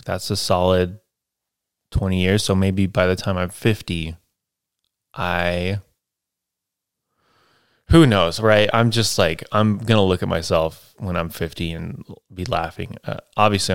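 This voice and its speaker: Speaking alone into a close mic, a man in his late twenties hosts a casual podcast in a smooth, resonant, lowish voice. He rambles and reflects, using many fillers and little "right?" tags, and the dry, intimate sound has no room tone.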